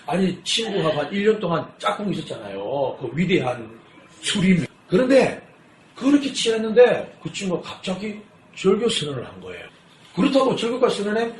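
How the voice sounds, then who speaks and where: A man preaching a sermon as pastor, telling stories lively and asking his congregation questions. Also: sits high, brisk, a little hiss or hum. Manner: asks the congregation rhetorical questions; lively storytelling. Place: church sanctuary. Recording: echoey church hall.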